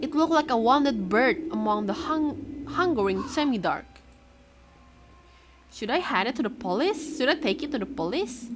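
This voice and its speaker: A young woman streamer whose first language is Indonesian reads a visual novel aloud with drama, breaking off for excited reactions and greetings to her chat. Her voice is fairly high at normal speed. Game music plays, and the background is noisy.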